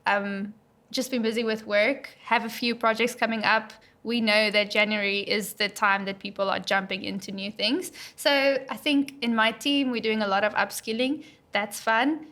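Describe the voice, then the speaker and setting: A woman's voice: medium pitch, fairly even intonation, moderate pace, a bit bright. A South African woman co-hosting a podcast, telling stories in a chatty, giggly way. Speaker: podcast co-host. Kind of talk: casual chat.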